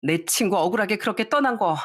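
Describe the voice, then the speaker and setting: A woman's voice: mid-range voice, expressive, fast talker, fairly bright tone. A woman doing a furious, accusing shop employee. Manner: stern, accusing, biting.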